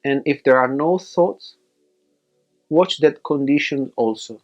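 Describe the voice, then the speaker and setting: Guiding listeners through meditation, a man with a mid-range, darkish voice speaks in brief, spaced-out phrases as a teacher would. Soft music plays behind him, and the audio is dull.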